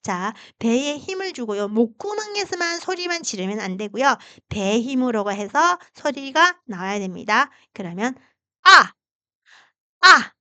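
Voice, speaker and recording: A woman teaching Chinese pronunciation, patiently demonstrating tones with long drawn-out vowels. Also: a little high, big pitch swings, pushed and bright, clean tone, dry recording. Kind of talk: pronunciation lesson.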